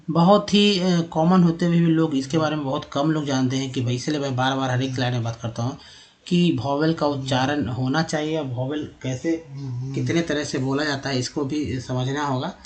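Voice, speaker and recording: A man from India explains an English lesson over slides. His voice sits a little high for a man. He talks patiently, repeating each sound slowly and filling pauses as he goes. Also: steady tone, a little hiss or hum. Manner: patient, repeats words slowly, many fillers. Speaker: English teacher.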